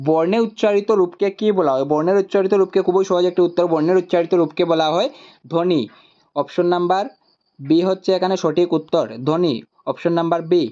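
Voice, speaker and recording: A man tutor walking through exam answers, repeating each option deliberately. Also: high voice, steady tone, mellow, lo-fi sound.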